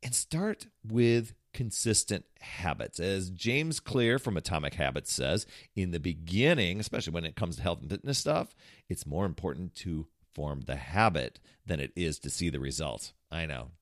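A man's voice: sits low, very animated, normal speed, no echo, clean studio sound. A man hosting a motivational fitness podcast, talking with energy and rising into salesy, upbeat sign-offs. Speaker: podcast host and fitness coach.

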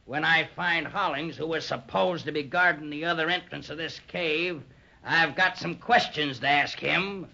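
An actor playing a bullying, suspicious pirate boss in an old-time radio serial, barking threats in a raspy, harsh voice. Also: male voice, fairly high pitch, moderate pace, bright, forceful tone, exaggerated voice. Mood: angry, accusing. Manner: barking, threatening sailor talk. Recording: dull lo-fi old radio recording.

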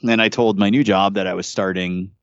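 A man's voice: lowish voice, steady tone, moderate pace, fairly bright tone, dry recording. Joking upbeat guy hosting a podcast, dry kinda dull lo-fi sound. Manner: upbeat, joking, theatrical host intros. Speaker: podcast host. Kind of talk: casual chat.

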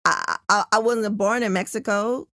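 A woman's voice: medium pitch, steady tone, moderate pace, bright, forceful tone, no echo, studio quality. A woman hosting a casual conversational interview, speaking informally with slang and often checking that the listener follows. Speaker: podcast host.

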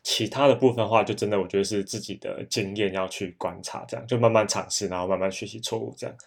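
A man's voice: fairly low pitch, steady tone, fast talker, creaky, breathy edge. A young man from Taiwan, a guest in a casual interview, who talks through many fillers and keeps repeating short agreements.

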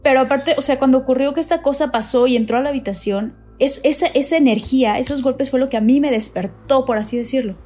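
A woman recounts events in relaxed conversation. Her voice sits high, and she talks in animated bursts full of repeats and fillers. Faint music plays underneath. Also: quick pace, few pauses. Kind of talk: casual chat.

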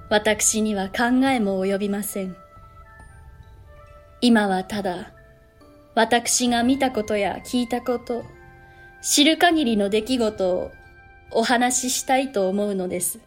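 A woman's voice: on the high side, darkish tone. A woman playing a dignified samurai mother, narrating a period drama in a formal, reflective manner. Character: dignified samurai mother recounting her sons' history.

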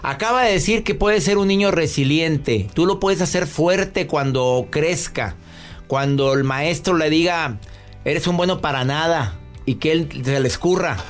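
A man's voice: on the high side, measured pace, faint music behind. A middle-aged man hosting a podcast interview, chatting in a playful way. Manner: playful, acts out parent quotes. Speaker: podcast host. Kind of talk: casual interview chat.

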